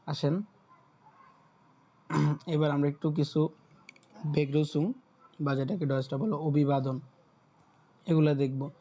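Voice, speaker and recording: A man's voice: on the high side, steady tone, unhurried, pauses often, mellow. A man teaching a beginners' language class on a video call, patiently spelling out sounds and checking in with his students. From Bangladesh. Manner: patient, repeats words and checks in with listeners. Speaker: German teacher. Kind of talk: online class lesson.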